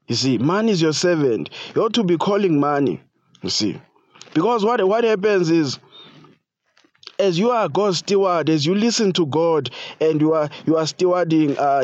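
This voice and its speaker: Pastor man, casual halting sermon. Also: on the high side, a little mellow, no room sound, highs cut off. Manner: halting, many fillers like "you know" and "you see"; casual preaching with slang.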